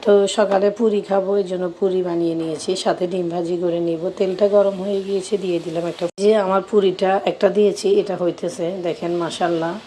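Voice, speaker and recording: A young woman with a cold-roughened, hoarse voice, casually talking viewers through her breakfast cooking in her home kitchen. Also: fairly low pitch, fairly even intonation, fast talker, few pauses, warm tone, slight background noise, rough recording. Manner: chatty, shows each step. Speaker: vlogger.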